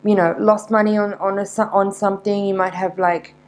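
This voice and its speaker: A woman giving a mystical horoscope tarot reading, unscripted, in a searching, halting manner with repeated words. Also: medium pitch, little pitch movement. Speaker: tarot reader.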